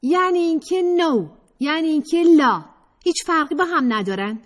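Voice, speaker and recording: A woman's voice: high-pitched, animated, pitched above the performer's own voice. A woman narrator voicing a sarcastic, evasive young woman who teases and dodges serious questions. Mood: bemused. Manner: teasing, sarcastic, dodging questions. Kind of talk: audiobook character voice.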